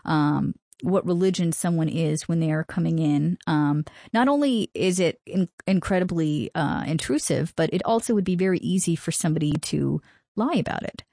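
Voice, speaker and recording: Lowish teasing woman co-host. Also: normal speed, creaky, warm tone, no echo, clean studio sound. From Massachusetts. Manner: laughs often, teasing, frequent ums. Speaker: podcast co-host. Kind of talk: casual legal and policy discussion.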